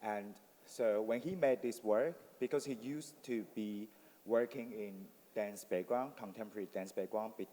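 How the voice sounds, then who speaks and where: Low, mellow man on a panel. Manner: reflective, explanatory, many fillers. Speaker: artist on a panel. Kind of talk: panel talk. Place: forum venue with audience. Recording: long reverb of a hall.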